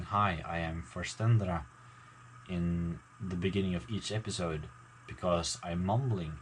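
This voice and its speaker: Man, very low voice, mumbly hesitant vlogger chat. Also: a little hiss or hum, poor audio. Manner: halting, mumbling, many fillers and restarts. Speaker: gaming YouTuber. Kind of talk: casual talk to camera.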